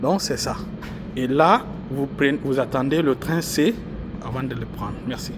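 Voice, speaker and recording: A man vlogging as he walks through the city and into the subway, explaining things slowly with many pauses and fillers. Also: mid-range voice. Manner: slow, repetitive, halting explanation with many fillers. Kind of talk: casual walking vlog. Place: outdoors on a city street, then down into a subway station. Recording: street and subway noise behind the voice. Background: city traffic and subway noise.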